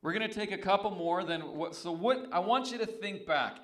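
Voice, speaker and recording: A man's voice: sits high, fairly quick, fairly bright tone, roomy sound. A man hosting a late-night call-in show, brash and trash-talking with his callers. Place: indoors on a stormy night by candlelight.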